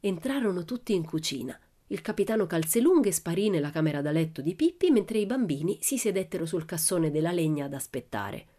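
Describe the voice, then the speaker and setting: A woman narrating a children's audiobook in a calm, measured, gently expressive manner. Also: fairly low pitch. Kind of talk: storybook narration.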